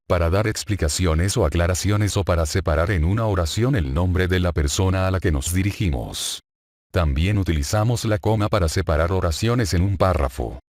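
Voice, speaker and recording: A man with a very low, deep voice reads a spelling lesson from a script. He goes through each rule and its examples in an even, measured way. The recording is dry and close, with no room sound. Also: no room sound. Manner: even, list-like reading of rules and examples.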